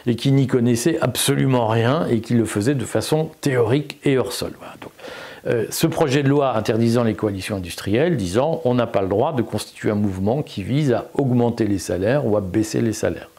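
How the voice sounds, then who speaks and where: A man's voice: mid-range voice, a little fast, mellow. A man giving an unscripted video commentary, argumentative and emphatic, with frequent fillers and repeated words. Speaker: political commentator.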